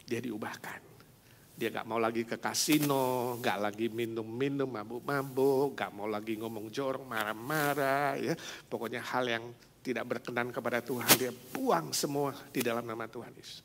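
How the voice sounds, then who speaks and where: A man pastor delivering a sermon with animated storytelling, slipping English phrases into his talk. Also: medium pitch, moderate pace, slight background noise.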